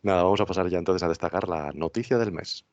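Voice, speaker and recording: A man's voice: deep voice, fast talker. A man with an accent from Spain, chatting casually as a podcast host. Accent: Spanish from Spain. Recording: dull, roomy sound.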